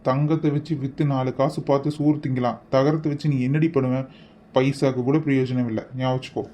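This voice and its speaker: A man's voice: medium pitch, level tone, fairly quick, mellow, lightly acted. A man voicing an obsessive, lovesick young man in a cartoon, talking in an insistent, pleading way. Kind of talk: cartoon voice acting.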